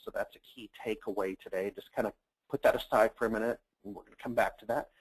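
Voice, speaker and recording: A man hosts an informal webinar, talking through slides. His voice is husky and a little low. He rambles somewhat, with a halting delivery that circles back on itself. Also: steady tone, poor audio. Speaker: webinar host.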